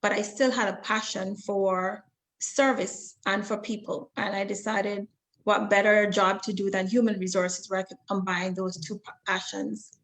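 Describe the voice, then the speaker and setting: A woman, from the Bahamas and Jamaica. She speaks steadily and articulately as a guest in an interview, keeping her pitch very even. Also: normal speed, rough recording. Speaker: guest graduate. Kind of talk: conversational interview.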